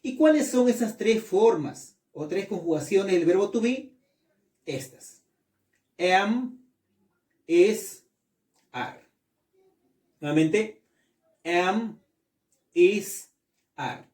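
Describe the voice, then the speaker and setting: Slow, high-pitched teacher man in an echoey room. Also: expressive, darkish tone, recorded from a distance. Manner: slow, repeats words, checks with the class. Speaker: English teacher. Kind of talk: classroom lesson.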